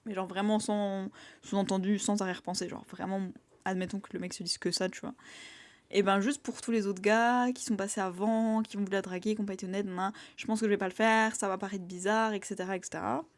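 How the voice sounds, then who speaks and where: A woman's voice: medium pitch, little pitch movement, brisk. A young woman talking through her thoughts in a casual monologue, full of fillers and little acted-out quotes. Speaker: vlogger sharing reflections.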